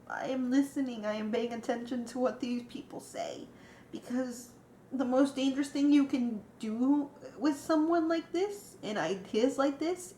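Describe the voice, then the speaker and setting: A woman's voice: a little high, mellow, a little hiss or hum. A woman vlogging casually, rambling and emotional with lots of fillers. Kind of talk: casual vlog. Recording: echoey room.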